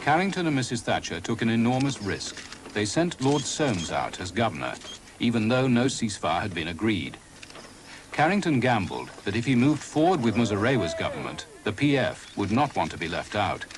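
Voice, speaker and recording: A man's voice: fairly low pitch, very animated, moderate pace. Grave man narrating a documentary. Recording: noisy 1980s broadcast audio.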